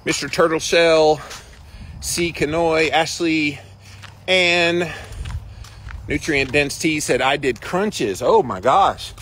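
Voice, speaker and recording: A man hosts a casual livestream for his daily ice bath challenge, reading viewer comments aloud and answering them in an encouraging, emphatic, colloquial way. His voice is fairly high and a bit bright, slow with long pauses, over slight background noise.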